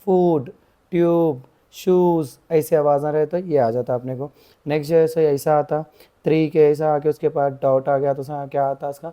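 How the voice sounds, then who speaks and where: Mellow young male tutor. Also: a little high, steady tone. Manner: repeats filler phrases, stretches example words slowly. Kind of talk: explaining grammar lesson.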